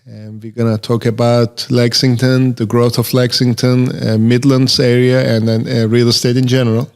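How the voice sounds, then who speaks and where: A man's voice: mid-range voice, flat delivery, moderate pace, darkish tone, smooth. A man hosting a podcast, introducing his guest and asking brief, curious questions in a casual talk. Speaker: podcast host, physician. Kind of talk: casual interview conversation.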